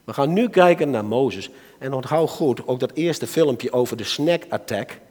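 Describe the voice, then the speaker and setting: Male preacher, Dutch accent, mid-pitched, lively sermon delivery, long hall reverb. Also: moderate pace. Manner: lively, swings between soft asides and loud exhortation. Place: church hall.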